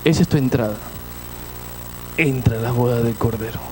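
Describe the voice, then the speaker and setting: A pastor giving a sermon, swinging between loud calls and hushed asides as he asks the congregation questions. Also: mid-range voice, normal speed, noisy background.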